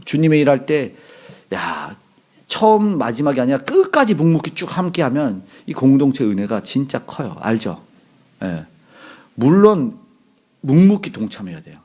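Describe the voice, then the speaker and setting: A middle-aged male pastor giving a conversational sermon, asking the congregation questions and acting out quoted lines with sudden loud bursts. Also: medium pitch, huge pitch swings, normal speed, slightly rough.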